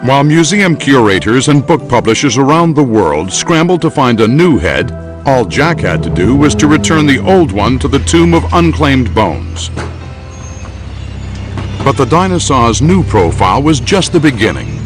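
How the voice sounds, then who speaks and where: Man, scripted nature documentary narration, mid-pitched, expressive intonation, music underneath. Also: normal speed.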